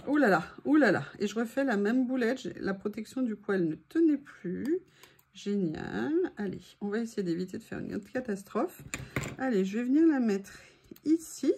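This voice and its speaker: A woman's voice: a little high, lively intonation, moderate pace, mellow, slight background noise. A woman hosting a craft tutorial, chatting to viewers as she works and laughing at her own mistakes. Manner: self-mocking, laughs at her own mishaps, talks to viewers. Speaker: craft video host.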